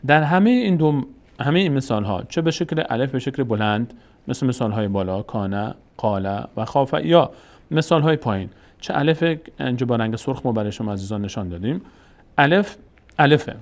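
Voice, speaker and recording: A man teaching Quran reading, explaining each rule and then slowly repeating syllables and whole words for learners to copy. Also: mid-range voice. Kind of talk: step-by-step recitation lesson.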